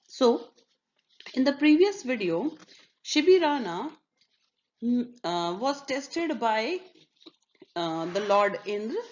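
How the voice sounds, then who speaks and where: Woman teacher for a slow, careful story lesson; a touch high, muffled lo-fi recording. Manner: slow, deliberate, with hesitations. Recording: dull lo-fi recording.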